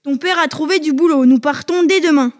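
Une femme imitant une mère stridente qui appelle de loin. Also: female voice, a little fast, darkish tone, close to an everyday voice. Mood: excited. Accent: foreign-sounding. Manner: shrill, calling out from afar. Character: loud, shrill mother calling her daughter.

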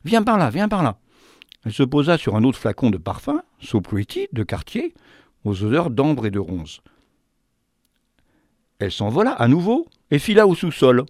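A man telling a fantastic tale in an expressive, theatrical way. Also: medium pitch, normal speed, long pauses, no room sound, studio quality. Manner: animated, theatrical. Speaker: storyteller.

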